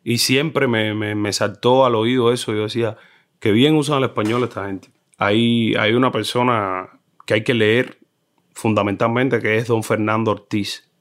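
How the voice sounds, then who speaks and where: A middle-aged film director from Cuba, with a Cuban Spanish accent, chats casually as a guest. His voice is on the low side at normal speed, and he tells animated stories, often mimicking how people in other regions talk.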